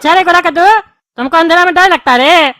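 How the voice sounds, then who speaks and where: A woman's voice: extremely high pitch, a little fast, sharp tone, no echo, clean studio sound. A woman voicing a quarrelsome bald male politician in a cartoon, speaking in a scolding, name-calling manner. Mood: taunting. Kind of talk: cartoon dubbing.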